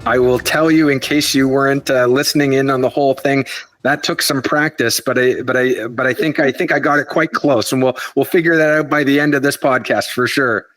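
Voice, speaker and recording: A man's voice: mid-range voice, steady tone, a little fast, fairly bright tone. A male podcast host with a middle-range voice feels his way through long questions, often stopping to repeat words. The sound is dry and close, with no room echo. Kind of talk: interview conversation.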